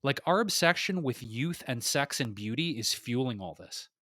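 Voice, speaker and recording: A man rants on a podcast he co-hosts. He sounds heated and restless, swears freely and keeps restarting his sentences. His voice sits at an ordinary male pitch and is recorded dry and close. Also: expressive, moderate pace, a bit bright, dry recording. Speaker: podcast co-host. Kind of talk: impassioned casual podcast talk.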